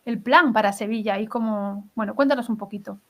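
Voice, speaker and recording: A woman's voice: mid-range voice, fairly quick, fairly bright tone. A woman hosting a casual interview, encouraging, often adding tag questions and short acknowledgements. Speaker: interviewer, host.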